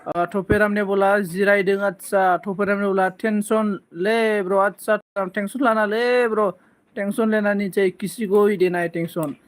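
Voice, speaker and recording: A man's voice: high-pitched, steady tone. A man casually chatting on a live stream, reading out viewer comments and teasing them back, with frequent coughs. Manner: slow, playful teasing banter with frequent coughs.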